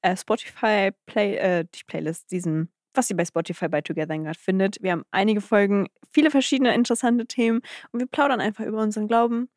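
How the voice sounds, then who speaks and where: Young woman, mid pitch, chatty upbeat podcast talk, dry close sound. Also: quick pace, few pauses, a little mellow, no room sound. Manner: chatty, upbeat, lots of filler words. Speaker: podcast co-host. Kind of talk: casual faith podcast chat.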